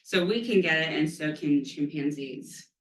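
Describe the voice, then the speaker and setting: A woman's voice: deep voice, normal speed. A woman giving an academic lecture on a virus, chatty with frequent ums and offhand self-deprecating asides, recorded in a lecture room. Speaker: infectious disease lecturer. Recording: roomy hall from far off.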